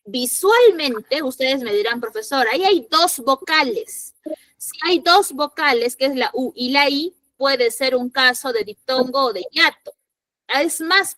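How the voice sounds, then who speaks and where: A woman teacher explains a grammar point to her class in a high, bright voice. She is patient, goes over each idea more than once and keeps asking whether everyone has followed. The sound is dry and close, with little room echo. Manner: patient, repeats points and asks rhetorical check questions; voices imagined student objections.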